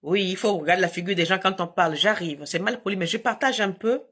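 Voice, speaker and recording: A woman's voice: mid-range voice, fast, fairly bright tone. A woman hosting a casual live stream from home on her phone, talking in a combative, emphatic way with frequent laughs.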